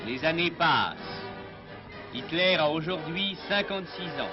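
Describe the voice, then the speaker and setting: A man's voice: on the high side, animated, measured pace. A man narrating an old 1940s newsreel from a script in a solemn, declamatory, rhetorical manner. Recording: dull 1940s newsreel soundtrack, loud music. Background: loud music.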